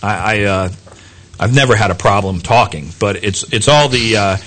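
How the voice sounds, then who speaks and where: A man's voice: fairly low pitch, normal speed, fairly bright tone, slight background noise. A man sitting in as a local radio talk host, chatting casually and rambling with frequent restarts and self-deprecating asides.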